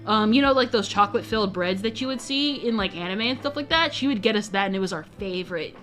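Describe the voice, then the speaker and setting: A young American woman streams while chatting casually, rambling, cutting herself off, and giggling often. Her medium-pitched voice is animated, quick, and fairly bright, with soft music playing in the background.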